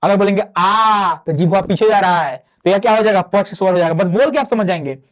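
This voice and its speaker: High-pitched and animated, a man leads an online exam-prep lecture on Hindi grammar. He breaks things down step by step, answers his own questions to the class, demonstrates vowels with drawn-out sounds and adds casual asides for students.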